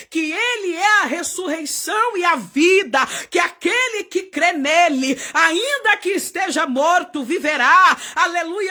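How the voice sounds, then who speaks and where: A woman missionary preaching a fervent Pentecostal sermon, often shouting and crying out hallelujah. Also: very high-pitched.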